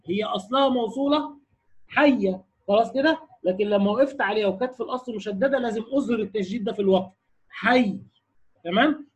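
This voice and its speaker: A man's voice: sits high, a bit bright, slightly rough. A man with an Egyptian accent giving a classroom lecture on Quran recitation rules, quoting texts and asking his students checking questions. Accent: Egyptian Arabic. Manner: explains, quotes texts, then asks students checking questions. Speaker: teacher.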